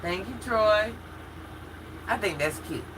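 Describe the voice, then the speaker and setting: A woman in her fifties hosts a relaxed livestream, talking candidly and straight to her chat, reacting to comments, laughing easily, and often restarting her sentences. Her mid-range voice moves at a slow pace. The audio is low quality, with a steady air-conditioning hum underneath.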